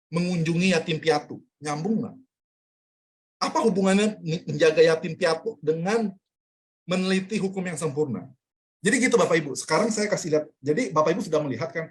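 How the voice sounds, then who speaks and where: Guy running a bible study on a video call, keeps asking the group questions and repeating himself, pretty relaxed. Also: a little high. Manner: asks the group repeated rhetorical questions, repeats key phrases. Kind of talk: casual online Bible study lecture.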